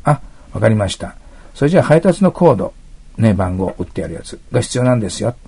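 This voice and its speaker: Gravelly male english teacher, dark husky voice, walks thru exam questions step by step. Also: on the low side, very animated, fast talker. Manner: explains step by step, asks listeners to mark text. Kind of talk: exam prep lecture.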